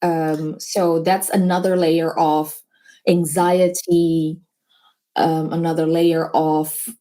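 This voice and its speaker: Low-voiced and mellow, with little pitch movement, the woman speaks slowly. She's a business owner guesting in a casual interview, talking earnestly and motivationally despite small slips in her slightly non-native grammar.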